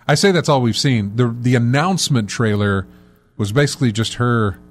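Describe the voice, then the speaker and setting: A man's voice: medium pitch, normal speed, faint music behind. A man hosting a casual gaming podcast, rambling and correcting himself with lots of fillers. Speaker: podcast host.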